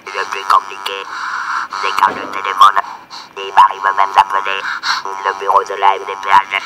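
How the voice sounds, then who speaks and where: A man's voice: low voice, completely flat delivery, normal speed, background noise. A man speaking through an electrolarynx with a metallic, robotic, buzzing voice, answering in a radio interview.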